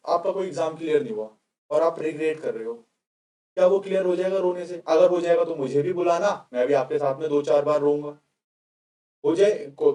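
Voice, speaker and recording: A male exam-prep teacher with a high voice explains a vocabulary lesson in a chatty way and keeps firing questions at his class. He sounds a little far from the mic, and his voice echoes around a bare room. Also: darkish tone.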